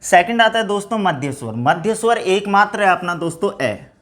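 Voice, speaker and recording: A man's voice: high-pitched, a bit bright. Man teaching, answering his own questions. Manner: asks rhetorical questions and answers them himself; keeps calling the students friends. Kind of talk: exam-prep Hindi grammar lecture.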